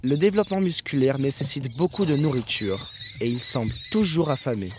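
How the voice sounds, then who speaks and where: A man narrating a nature documentary from a script, in a measured, factual, observational manner. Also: medium pitch, lively intonation, background noise.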